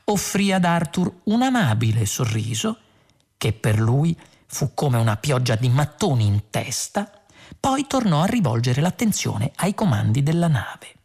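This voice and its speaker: Low husky woman reading a story. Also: measured pace. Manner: expressive, character-voicing. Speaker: audiobook reader.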